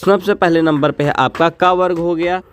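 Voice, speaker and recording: A man's voice: on the high side, fairly even intonation, normal speed, clean tone. A man teaching a Hindi grammar lesson for an exam, asking questions and answering them himself, spelling out letters one by one. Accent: North Indian Hindi.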